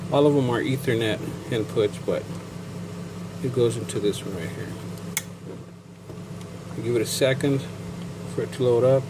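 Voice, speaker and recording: In this casual how-to, a certified payment terminal technician walks through a technical setup, rambling with fillers and asides and pausing often. His mid-range voice moves at normal speed, carries a Chicano Mexican-American accent from his bilingual English and Spanish background, and has background noise behind it.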